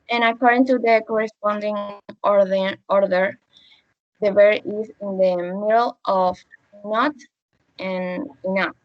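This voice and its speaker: A young woman student giving a class presentation, reading carefully and haltingly. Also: medium pitch, no echo. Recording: dry, muffled audio.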